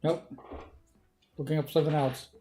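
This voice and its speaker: A woman's voice: low voice, flat delivery, normal speed, dark tone. A woman streamer chatting casually in a laid-back, playful way. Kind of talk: casual chat.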